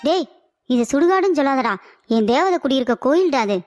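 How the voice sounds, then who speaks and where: A woman's voice: sits high, animated, fairly quick, music in the background. A woman voicing a foolish, henpecked older husband in a cartoon comedy, whiny and lovesick. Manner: whiny, pleading, dreamy.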